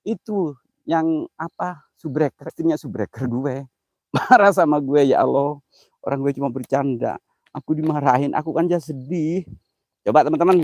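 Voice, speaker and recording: A man's voice: mid-range voice, darkish tone, dry recording. Male streamer, banters and laughs with chat; muffled, close audio. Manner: joking, teasing, laughs often, reads viewer comments. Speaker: live-streaming mystery host. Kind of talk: live stream chat while exploring at night.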